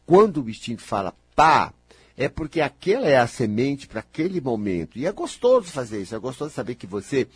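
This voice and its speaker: Emphatic Brazilian man with a husky voice. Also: mid-range voice, big pitch swings, fairly quick, no room sound. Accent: Brazilian Portuguese. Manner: emphatic, teasing and scolding, talks straight to the listener. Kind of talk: animated spontaneous monologue.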